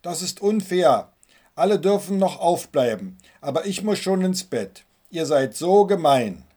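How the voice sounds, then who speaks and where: A husky-voiced man playing a small, hot-tempered boy who whines and complains as he tells a story in a sermon. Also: a little high, lively intonation, measured pace, darkish tone. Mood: whiny protest. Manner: complaining, pleading.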